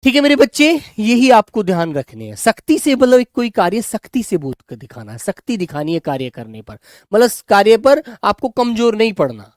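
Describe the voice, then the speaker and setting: A male teacher giving a grammar lesson to children, slowly dictating and repeating words so they can write them down, and speaking affectionately to his pupils. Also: sits high, very animated, no room sound, clean studio sound. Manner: affectionate, calls students "beta".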